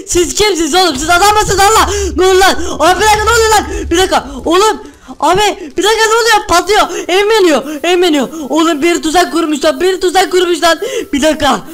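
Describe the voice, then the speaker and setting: A man voicing a boastful Minecraft villager who panics and whines loudly when pranksters rob his home. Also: extremely high pitch, quick pace. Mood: panicked. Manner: excitable, panicky, loud whining. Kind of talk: Minecraft role-play voice acting.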